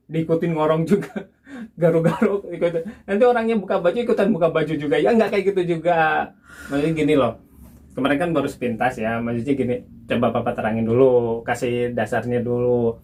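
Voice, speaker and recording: A young man calmly explaining to his wife in casual conversation, giving examples and laughing now and then. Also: on the high side, a little fast. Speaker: husband teaching his wife. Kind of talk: casual instructional chat.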